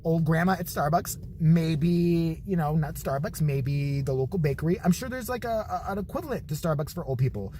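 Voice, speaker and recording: A man's voice: fairly high pitch, normal speed, hardly any pauses, warm tone, a little hiss or hum. A man in his forties giving a rambling, profane comedic rant to camera. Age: 40s. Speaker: vlogger.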